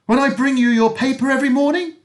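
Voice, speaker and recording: Squeaky, coarse newspaper woman in a storybook reading, pitched very high and loud, as a male reader puts her on. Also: fast talker, lightly acted. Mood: taunting. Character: shrill coarse newspaper woman egging on a mob.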